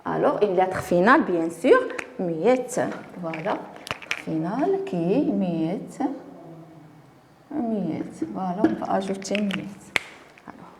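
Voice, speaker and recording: Woman teacher going over spelling real slow, repeats each word, stresses it for the kids. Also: medium pitch, animated, a little hiss or hum. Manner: slow, deliberate, repeats and stresses words for pupils. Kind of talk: classroom spelling lesson.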